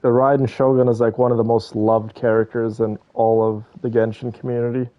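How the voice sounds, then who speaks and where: Over his gameplay, a man streams informal, opinionated reactions, chatting conversationally at a fairly quick clip. His voice is mid-range and flat in delivery. Game music plays behind slightly dull-sounding audio.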